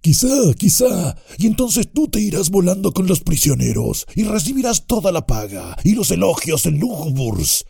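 A quarrelsome orc from the mines, as a male narrator puts him on, pitched high and shrill, whining his grievances in a raised, strained voice. The audiobook delivery is dry and close. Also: wildly swooping pitch, normal speed, creaky, hardly any pauses, dark tone, slightly rough, no echo, faint music behind, heavily acted. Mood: resentful. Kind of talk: audiobook character voice.

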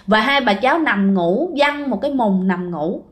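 A woman's voice: a little high, animated, moderate pace. A woman with a Southern Vietnamese accent telling a ghost story in a chatty way, speaking straight to her listeners. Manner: chatty, addresses listeners directly. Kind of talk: casual ghost story narration.

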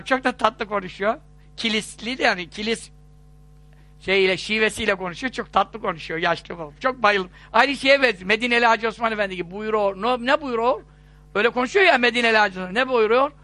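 A man preaching in a lively storytelling manner, quoting hadith and acting out the people in his anecdotes. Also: high voice. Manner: animated storyteller, voices quoted people, chuckles. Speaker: religious preacher. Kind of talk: sermon-style storytelling talk.

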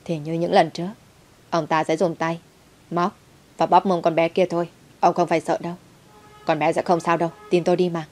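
A woman's voice: fairly low pitch, little pitch movement, a little fast, long pauses, a little mellow, faint music behind, close to an everyday voice. A woman reading the lines of a smug male accomplice in a spoken story, offhand and dismissive. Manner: offhand, reassuring.

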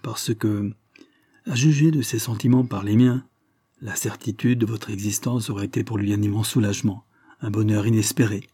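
A man's voice: lowish voice, fairly even intonation, moderate pace, mellow, slightly rough, dry recording. A man doing a mocking, secretive old lord. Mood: wry.

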